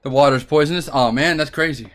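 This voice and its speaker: A man's voice: medium pitch, fast talker, a bit bright, slight background noise. Joking, profane male streamer. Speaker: streamer and voice actor. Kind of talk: casual gaming stream chat.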